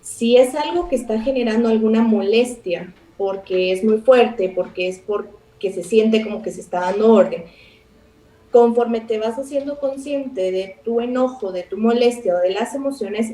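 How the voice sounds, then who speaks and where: A Guatemalan woman, a psychologist guest, calmly explaining with everyday examples in a radio interview. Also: fairly high pitch, normal speed. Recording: roomy, distant from the mic.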